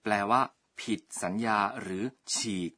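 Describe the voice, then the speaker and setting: A man's voice: a little slow, sharp tone. A man teaching a radio language lesson, politely explaining each word in turn.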